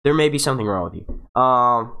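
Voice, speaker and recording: Youthful-sounding man, animated live-stream chatter. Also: medium pitch. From United States. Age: 20s. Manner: rambling and chatty, with many fillers and profanity. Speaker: YouTube channel host reading live chat. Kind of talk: casual live-stream chat.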